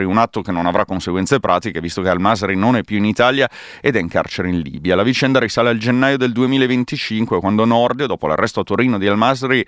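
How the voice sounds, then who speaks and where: A man reading a radio news bulletin in a brisk, even delivery from a studio microphone. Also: lowish voice, dry recording. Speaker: newsreader.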